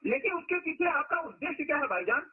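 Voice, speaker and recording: A man's voice: extremely high pitch, very animated, quick pace. A man giving a spiritual discourse to followers, telling stories and stressing words to make his point. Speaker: spiritual teacher. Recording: lo-fi phone-like recording.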